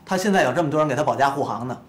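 A man's voice: medium pitch, lively intonation, very fast, lightly acted. An actor playing a cheeky young man from Beijing, joking and complaining in a mock-dramatic way, with a Beijing accent. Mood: bickering. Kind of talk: TV drama acting.

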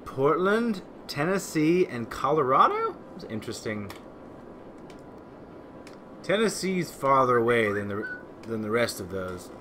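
A man's voice: medium pitch, wildly swooping pitch, measured pace, long pauses, bright, forceful tone, slight background noise. A man streaming a city-building game, chatting casually, rambling, swearing and answering his chat.

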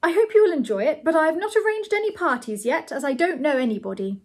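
A woman voicing an eager young Victorian gentleman host, earnest and fussy, keen to please his guests, as she reads a storybook aloud. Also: high-pitched, lively intonation, quick pace, voice pushed up.

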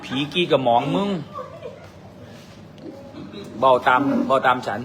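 In a noisy cafe, a vlog host with an Isan Thai accent trades boisterous, teasing banter, mixing in dialect as he jokes casually. His voice is mid-range and he talks fast.

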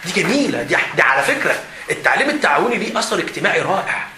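Man, Egyptian Arabic accent, teacher leading a seminar, animated and joking, high voice, echoey hall. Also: rapid-fire. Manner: animated, joking, often laughing while talking. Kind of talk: lively seminar talk to students. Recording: echoey hall with faint background noise.

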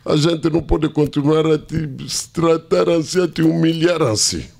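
A man voicing a distressed young son who pleads with his father in a high, near-shouting voice. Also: moderate pace, vocal fry. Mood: pleading.

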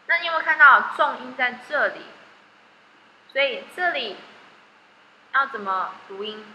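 A woman's voice: high-pitched, animated, a little slow, bright, forceful tone. A woman teacher with a Taiwanese Mandarin accent, running a phonics lesson and coaxing the class with questions. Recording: echoey hall with faint noise.

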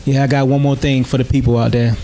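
A man's voice: mid-range voice, flat delivery, fast, dark tone, slight background noise. A man with a Southern US accent, a gospel rap guest on a talk show, earnestly exhorting listeners in short repeated commands into a handheld mic. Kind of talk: preaching encouragement. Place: talk show studio set.

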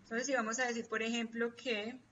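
A woman's voice: fairly high pitch, little pitch movement, a little fast, fairly bright tone, slight background noise. A woman teaching an English class, explaining patiently, repeating her examples and checking often that her students follow. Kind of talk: classroom lecture. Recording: distant, dull lo-fi audio.

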